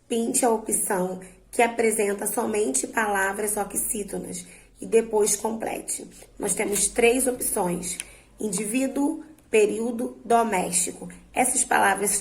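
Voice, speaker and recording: Woman teacher going over homework, slow and patient, bit of vocal fry. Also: mid-range voice, echoey room, poor audio. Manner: slow, patient, stresses syllables by drawing words out. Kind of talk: remote lesson walking students through exercises.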